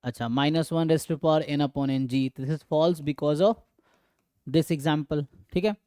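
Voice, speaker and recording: Man, Indian accent, math teacher, live online lecture, high voice, smooth clear tone, dry close sound. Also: slow pace, warm tone, no room sound. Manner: explains step by step, asks students questions.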